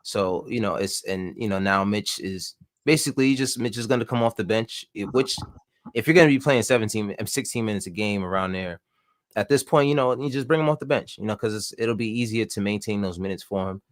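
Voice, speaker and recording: A man co-hosting a casual basketball talk show, relaxed and rambling, full of "you know.". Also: on the low side, fairly quick, no room sound, clean studio sound. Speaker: co-host.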